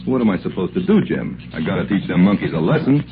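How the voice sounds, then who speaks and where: Low, hot-headed fight manager. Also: male voice, sing-song, quick pace. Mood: angry, determined. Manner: blunt, slangy, pugnacious. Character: hot-headed, vengeful male fight manager, streetwise tough. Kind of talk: old radio drama acting. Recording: narrow, noisy old radio recording.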